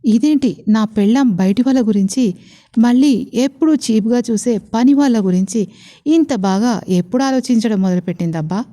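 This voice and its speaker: A woman's voice: on the high side, moderate pace, dark tone, close to an everyday voice. A woman voicing a bemused, mocking uncle. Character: puzzled, wisecracking middle-aged uncle.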